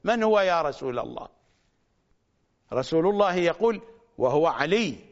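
A man preaching a religious sermon, stressing points by repeating phrases and stretching words out slowly. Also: a little high, expressive. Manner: slow, drawn-out words for emphasis. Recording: dull lo-fi recording.

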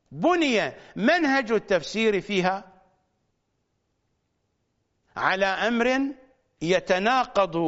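A man preaching a religious sermon, stressing points by repeating phrases and stretching words out slowly. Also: sits high, a bit bright. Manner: slow, drawn-out words for emphasis. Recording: dull lo-fi recording.

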